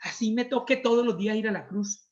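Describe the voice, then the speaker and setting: A man from Colombia preaching a Sunday sermon, earnest and confessional, moving between soft asides and emphatic appeals. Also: high-pitched, fairly quick, lo-fi sound.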